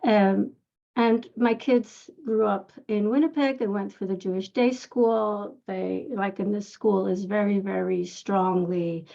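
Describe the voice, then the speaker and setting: A woman's voice: mid-range voice, steady tone, a little slow, vocal fry, warm tone, dull audio. A woman in her fifties from Israel, an audience member asking an earnest, rambling question over a video call.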